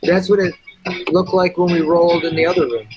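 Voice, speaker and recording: A man's voice: high-pitched, little pitch movement, brisk, background noise. A man playing a tabletop game, talking casually and thinking aloud through the rules.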